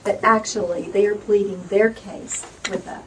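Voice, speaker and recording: A woman in a study group sharing a thoughtful, measured comment. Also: medium pitch, fairly even intonation, fairly bright tone. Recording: distant mic with faint room noise.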